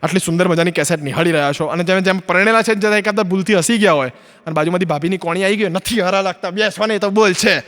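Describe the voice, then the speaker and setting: A man's voice: high-pitched, steady tone, fast, fairly bright tone. A man performing stand-up comedy on stage, telling stories and acting out both sides of the conversations in them. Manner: acts out both sides of dialogues in his stories. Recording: long hall reverb from an auditorium.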